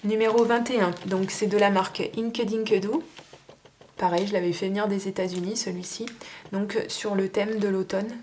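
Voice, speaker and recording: A woman's voice: medium pitch, fairly even intonation, normal speed, darkish tone, slight background noise. A woman casually showing and pricing her craft stamps one by one, talking in a hesitant, chatty way with many fillers. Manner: chatty and informal. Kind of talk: casual show-and-tell sale.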